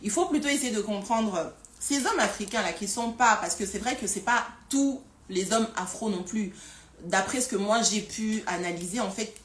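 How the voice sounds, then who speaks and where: A woman's voice: mid-range voice, moderate pace. Hesitant woman hosting a live stream. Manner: hesitant, many repeated words and fillers. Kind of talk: casual live stream talk. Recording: roomy echo with faint noise.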